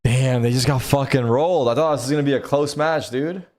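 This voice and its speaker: A man's voice: medium pitch, fairly even intonation, fairly quick, darkish tone. A man giving casual, slangy, sweary reactions as a co-streamer watching an esports match. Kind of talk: casual chat commentary.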